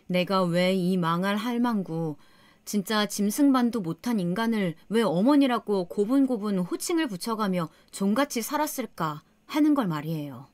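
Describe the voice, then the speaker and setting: A woman's voice: mid-range voice, no room sound. A woman narrating her own story in the first person, earnest and emotional.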